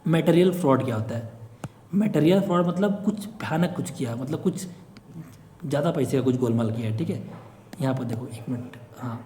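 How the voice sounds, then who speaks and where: A man's voice: a little high, mellow, a little hiss or hum. A man tutoring for a government exam, explaining step by step with frequent checks and everyday examples. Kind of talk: informal screen-share lecture. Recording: echoey room with long reverb.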